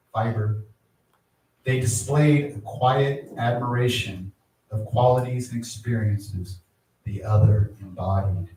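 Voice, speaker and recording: Older man reading his memoir, very echoey. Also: a little mellow. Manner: measured storytelling with dramatic swells of pitch and volume. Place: art space, live event. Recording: very echoey room, voice from far off.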